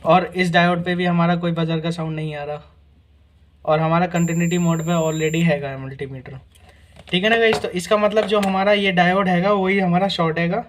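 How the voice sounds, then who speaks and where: A man's voice: high voice, fairly even intonation, normal speed. A man hosting a repair tutorial, walking through each test step by step and often checking in with "guys" and "theek hai na". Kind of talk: casual hands-on repair demonstration.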